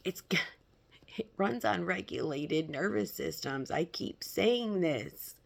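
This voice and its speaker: A woman talking casually as a self-help influencer, blunt and emphatic, haltingly checking in with her listeners. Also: lowish voice, animated, creaky.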